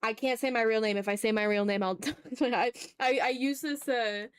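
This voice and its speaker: This streamer, a woman from the American South, keeps up casual chatter on her art livestream while drawing, poking fun at herself with playful exasperation. She speaks at a normal speed in a voice on the high side with a clean tone.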